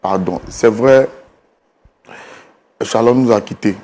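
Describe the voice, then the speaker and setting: A man's voice: lowish voice, slow, mellow. A man in a comedy sketch, apologizing and pleading his innocence. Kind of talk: comic sketch acting.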